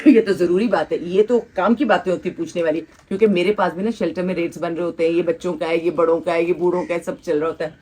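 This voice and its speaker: A woman's voice: lowish voice, fairly even intonation, fairly quick, warm tone. A woman hosting a children's shelter gathering, coaxing and teasing the kids and leading applause. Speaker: host of a children's shelter event. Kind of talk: casual talk with children before a gathering.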